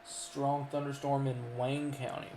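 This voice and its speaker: A man's voice: medium pitch, little pitch movement, measured pace, dark tone, echoey room, slight background noise. A man with a Kentucky accent giving live storm radar commentary, folksy and full of ums and uhs as he lists towns. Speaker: storm chaser and weather streamer.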